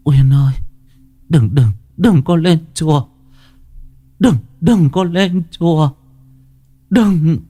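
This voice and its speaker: A man's voice: fairly high pitch, slow pace, pauses often, mellow, dry recording, pitched above the performer's own voice. A man voicing a weak, dying mother who begs in a breathless way, in a spoken horror story. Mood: pleading.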